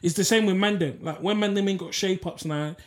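Young man, London roadman accent, high voice, casual advice, emphatic repetition, street slang. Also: a little fast. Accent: London, urban roadman slang accent.

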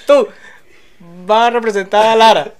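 Joking high-voiced Venezuelan man. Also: fairly even intonation. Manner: joking, swearing, quick laughs. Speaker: podcast co-host. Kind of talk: casual banter.

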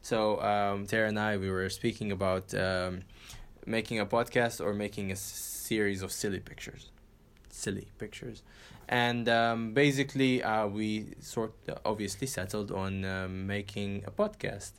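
A man with a lowish voice co-hosts a casual podcast. He tells his story in a rambling way, with many pauses and fillers. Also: steady tone, clear, resonant tone. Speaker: podcast co-host. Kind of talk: casual chat.

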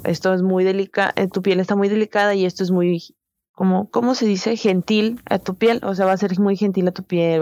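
A woman's voice: fairly low pitch, no echo, studio quality. A young woman with a Mexican Spanish accent, telling a personal story in a candid, slangy way with many fillers. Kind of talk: casual storytelling chat.

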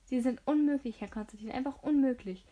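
Old housekeeper, deferential and flustered, read by a woman; slightly high voice. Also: brisk, dark tone. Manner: formal, deferential replies.

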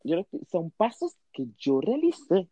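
A man co-hosts a comic podcast with a lively, swooping voice, full of theatrical mockery. He acts out other people's lines in exaggerated tones. The recording sounds dry and a little dull, with no room echo. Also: high voice, normal speed, breathy edge. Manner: theatrical, mocking, plays voices of others in quotes. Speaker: podcast co-host. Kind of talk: comic mock advice chat.

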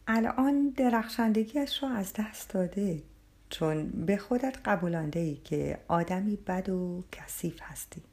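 A woman voicing a calm, firm wandering dervish. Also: mid-range voice, lightly acted. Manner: quiet and steady, often half-whispered.

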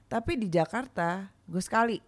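A woman's voice: medium pitch, normal speed. A woman performer chatting casually, telling candid stories with slang and fillers. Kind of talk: casual podcast chat.

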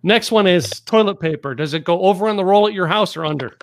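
A man's voice: high-pitched, quick pace. A man hosting a podcast interview, chatting casually and rambling through stories with restarts and chuckles. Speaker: podcast host. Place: Dallas area.

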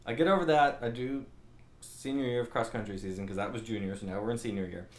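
Here a young channel host talks quickly in a mid-range male voice, spinning a long, meandering story about himself. He's lively and self-mocking, voicing the quotes as he goes, and there's a roomy echo throughout.

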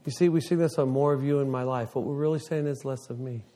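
An emotional testimony comes from a ministry leader in his fifties, speaking at a quick pace before his congregation. His storytelling is highly animated, his voice rising high each time he grows excited.

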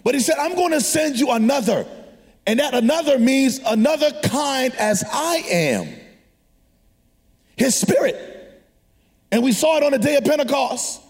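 A man's voice: extremely high pitch, expressive, normal speed, long pauses. A man preaching to a congregation in a conversational, exhorting way, often prompting listeners with questions. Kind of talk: energetic sermon to a congregation. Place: large hall, preaching to a live congregation. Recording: long hall reverb.

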